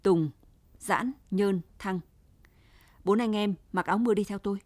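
A woman voicing a brisk male prison guard who gives orders. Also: medium pitch, a little mellow, no room sound, close to an everyday voice.

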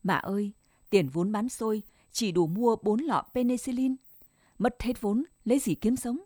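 A woman's voice: mid-range voice, expressive, moderate pace, dark tone, no room sound, clean studio sound, natural voice. A woman reading the part of a worried, desperate young mother in a told story, speaking plaintively. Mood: despairing. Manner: plaintive, complaining.

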